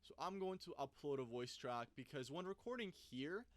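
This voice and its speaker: A man giving a casual screen-recorded software tutorial, thinking aloud as he clicks through the app. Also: fairly high pitch, lively intonation, normal speed, dry recording. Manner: thinks aloud while clicking, loose and conversational. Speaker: software reviewer.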